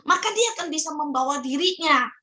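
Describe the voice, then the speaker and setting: A middle-aged woman, a parenting guest who tells stories in lively casual talk and acts out voices. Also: sits high, quick pace. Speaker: podcast guest, parenting practitioner.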